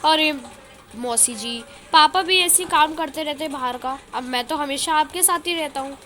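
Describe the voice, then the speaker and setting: A woman's voice: high-pitched, normal speed, bright, forceful tone. A woman voicing an earnest young boy who adores his aunt.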